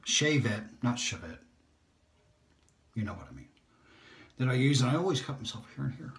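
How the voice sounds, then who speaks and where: A man's voice: medium pitch, lively intonation, fast, vocal fry. A man chatting casually while he shaves, rambling and poking fun at himself, sometimes sliding into a whisper. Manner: rambling and self-deprecating, drops to whispers at times. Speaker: shaving vlogger. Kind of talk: casual narration while shaving. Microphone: phone or camera on a holder. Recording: roomy home recording.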